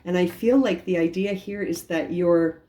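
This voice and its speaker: Mellow low-voiced woman reading tarot. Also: moderate pace. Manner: gentle, repetitive, frequent restarts. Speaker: tarot reader.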